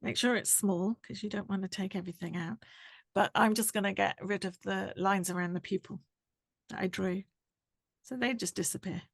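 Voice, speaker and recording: A woman, explaining a drawing tutorial step by step while she works, her voice going hoarse. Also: mid-range voice, steady tone, moderate pace, no room sound, clean studio sound. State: losing her voice. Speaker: art tutor.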